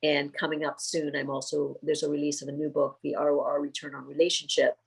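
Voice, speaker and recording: Middle-aged woman, from Trinidad and Tobago, gravelly husky voice, thoughtful, hesitant. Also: low-pitched, little pitch movement, fairly quick, rough recording. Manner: thoughtful, many fillers and restarts. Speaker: psychotherapist and keynote speaker. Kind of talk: podcast interview.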